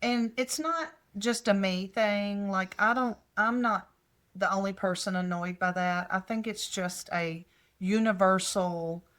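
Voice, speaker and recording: An older woman with a medium-pitched, fairly bright voice co-hosts a podcast from a hotel room. She tells stories slowly and ramblingly, restarting as she goes, in a casual chat.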